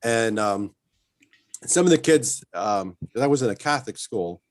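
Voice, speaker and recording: A man telling lively stories as a guest in a casual chat, often laughing as he talks. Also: on the low side, moderate pace. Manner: animated storyteller, laughs while telling stories.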